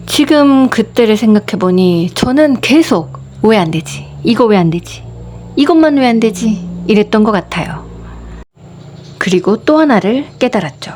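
A woman, a wife and mother, narrating a reflective personal story in an earnest voice that sometimes drops to a whisper. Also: medium pitch. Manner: soft, earnest, slips into whispers at times. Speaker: vlogger sharing a personal meditation story.

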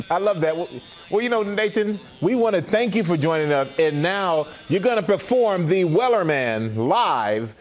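Lively man co-hosting a morning show. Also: high voice, moderate pace. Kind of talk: live TV interview.

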